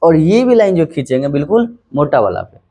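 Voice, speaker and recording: Guy teaching graph maths, chill and slow, keeps asking then answering himself, bit high voice. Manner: calm, unhurried, asks and answers his own questions. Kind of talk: casual classroom maths lesson.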